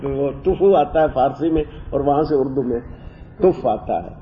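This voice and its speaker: A man teaching a class on Quranic Arabic. He explains the grammar at length, wanders off topic, and recites verses slowly. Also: mid-range voice. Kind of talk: classroom lecture on scripture and grammar. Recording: muffled lo-fi classroom recording with faint hiss.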